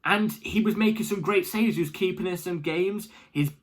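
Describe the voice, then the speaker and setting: A man giving casual, animated opinion commentary as the host of a football fan channel, rambling and repeating himself for emphasis. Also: high voice, moderate pace.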